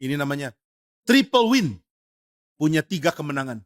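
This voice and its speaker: A man's voice: fairly high pitch, very animated, moderate pace. A man preaching a sermon to a congregation, telling stories and stressing key words. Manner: storytelling with acted voices and rising emphasis; addresses congregation as brothers and sisters. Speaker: pastor.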